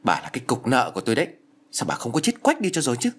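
A man's voice: on the low side, wildly swooping pitch, racing, breathy edge, heavily acted. A man voicing a cruel, abusive middle-aged woman caretaker who screeches insults in a storybook ghost tale. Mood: shrieking, furious.

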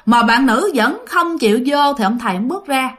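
Casual ghost-story narrator: Southern Vietnamese woman, chatty, slightly high-pitched. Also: expressive, moderate pace, fairly bright tone. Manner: chatty, addresses listeners directly, many fillers.

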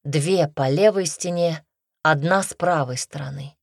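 A woman narrating an audiobook in a measured, even storytelling manner, close to the mic. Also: low-pitched, no echo. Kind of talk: scripted narration.

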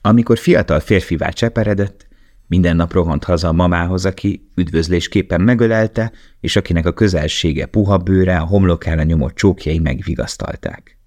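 A man reading an audiobook in a measured, grave, steady voice. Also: low voice, dry recording, clean studio sound. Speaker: audiobook narrator. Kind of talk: scripted narration.

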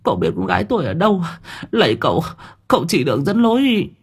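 A man's voice: high voice, big pitch swings, normal speed, vocal fry, slightly rough, pitched above the performer's own voice, full character voice. A man voicing a grieving middle-aged mother who pleads and wails in an audiobook. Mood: pleading. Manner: wailing, pleading.

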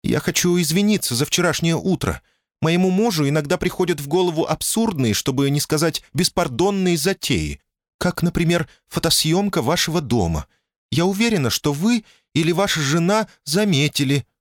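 A man voicing a nervous, high-strung woman on the phone, with a thin, tense voice and hurried, fluttery apologies. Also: lively intonation, no echo, clean studio sound, natural voice. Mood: apologetic. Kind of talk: audiobook character voice.

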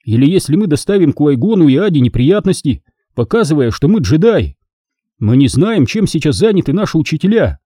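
A man voicing a calm, cautious teenage Jedi apprentice in an audiobook, speaking in a measured, gently reasoning way. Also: fairly high pitch, slightly rough, dry recording, studio quality, pitched above the performer's own voice.

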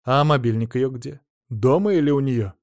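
A man doing a calm, dry-witted police detective. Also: medium pitch, normal speed, no echo, natural voice. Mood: calm ironic. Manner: calm, ironic, quiet.

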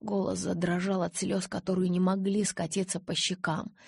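A woman narrating a first-person novel in an expressive, dramatic way, recorded close on a studio mic. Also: fairly low pitch, moderate pace, vocal fry, slightly rough, dry recording. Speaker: audiobook narrator.

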